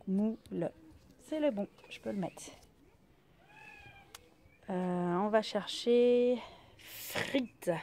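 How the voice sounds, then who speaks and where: A woman teaching a reading game, sounding out each letter slowly one by one in a step-by-step demonstration. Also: mid-range voice, darkish tone.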